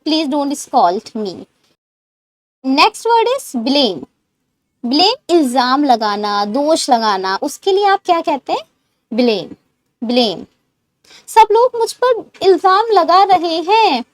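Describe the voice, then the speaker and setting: A woman teaching English words, explaining in Hindi and modelling slow English sentences for learners to repeat. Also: very high-pitched, very animated, no echo. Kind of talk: spoken English lesson.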